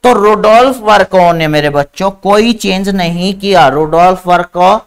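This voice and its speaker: A man's voice: sits high, normal speed, clear, resonant tone. A man teaching a biology class online in Hindi mixed with English with an Indian English accent, calling students "beta" and stretching out key terms as he dictates.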